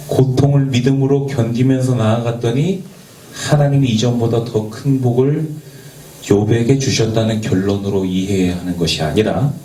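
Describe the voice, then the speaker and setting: A man's voice: medium pitch, darkish tone. A man preaching as a youth pastor in a church, speaking earnestly and putting rhetorical questions to the young people, sometimes stumbling over his words and joking about it. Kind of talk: sermon. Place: church worship space. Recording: echoey, from a distance, faint background noise.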